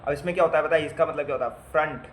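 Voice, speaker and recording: A man with a voice on the high side races through a casual lecture on basic medical terms for nursing students. He spells out word parts, repeats them, and quizzes the class with playful asides. A little hiss or hum can be heard.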